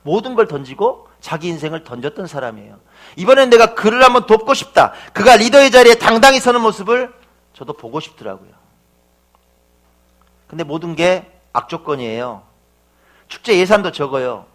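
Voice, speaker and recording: A man's voice: high voice, fairly bright tone. A middle-aged male pastor preaching a sermon, telling a story and asking his congregation rhetorical questions.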